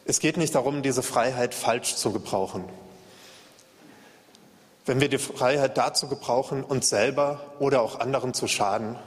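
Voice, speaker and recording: A man preaching a sermon in a calm way, repeating key phrases for emphasis. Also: mid-range voice, moderate pace, big-room sound.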